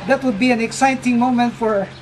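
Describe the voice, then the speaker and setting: A man's voice: extremely high pitch, fairly even intonation, fairly quick. A middle-aged man from the Philippines, explaining fish breeding to viewers in a casual vlog at an outdoor fish farm. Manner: explanatory, addresses viewers as guys. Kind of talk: casual walk-through vlog narration.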